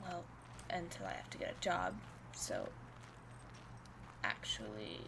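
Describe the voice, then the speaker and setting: A woman's voice: lowish voice, big pitch swings, slow, vocal fry, background noise, exaggerated voice. A woman playing a stressed, overworked young college student, speaking conversationally in an audio drama. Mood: stressed, weary. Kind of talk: naturalistic audio drama acting.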